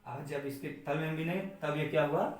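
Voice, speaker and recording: A man teaching a lesson on letter sounds, slowly explaining and answering his own questions. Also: a little high, steady tone. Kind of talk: classroom lesson on pronunciation. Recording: far-off mic in echoey room.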